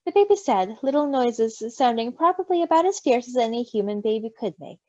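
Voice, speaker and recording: Her fairly high, lively voice moves at a fairly quick pace as she gives an animated, very expressive read-aloud of fan fiction, peppered with gushing, giggly casual asides. The close, dry recording is a little dull and lo-fi.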